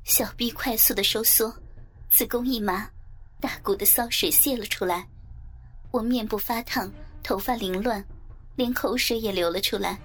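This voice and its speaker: Woman softly narrating an erotic audiobook. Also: mid-range voice, normal speed, soft background music.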